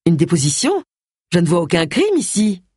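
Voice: mid-range voice, huge pitch swings, normal speed, a little mellow, breathy edge, no echo, clean studio sound. A narrator doing a sardonic woman sleuth, Agatha. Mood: dry, sardonic. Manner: sarcastic, cool. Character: sharp-tongued middle-aged woman amateur sleuth.

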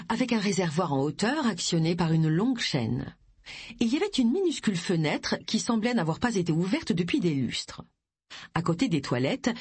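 Brief: female audiobook narrator, husky tone, lively pitch, dry close sound. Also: dry recording. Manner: expressive, varied storytelling. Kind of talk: scripted novel narration.

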